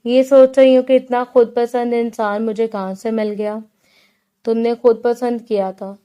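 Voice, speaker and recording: A woman reading the lines of an affectionate young husband in an audiobook, soft and teasing. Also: on the high side, little pitch movement, clean tone, lightly acted. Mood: tender. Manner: soft, playful and tender.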